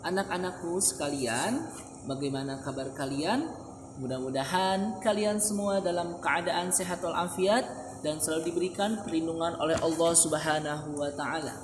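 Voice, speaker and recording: Man, patient schoolteacher, recorded lesson for children, long booming reverb, faint hiss. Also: normal speed. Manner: patient, explanatory, draws out the Arabic phrases. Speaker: primary school religion teacher.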